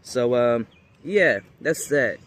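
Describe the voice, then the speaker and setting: A young American spiritual video creator gives a casual, unscripted monologue to viewers over a clearly noisy background. His medium-pitched voice is expressive, slow, and a bit bright, and he rambles in a slangy way with emphatic repetition.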